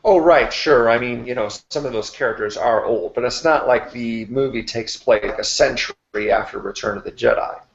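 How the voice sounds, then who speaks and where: A man's voice: mid-range voice, normal speed, creaky, few pauses. A man hosting a casual movie chat, talking loosely with lots of fillers. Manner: loose, rambling, filler-heavy. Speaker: host of a live movie chat. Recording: roomy, dull lo-fi webcam audio.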